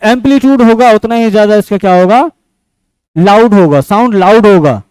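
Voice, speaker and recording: High, clear-voiced male teacher. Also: normal speed, dry recording, rough recording. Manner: asks and answers his own questions; switches between loud and soft speech. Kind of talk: classroom physics lecture.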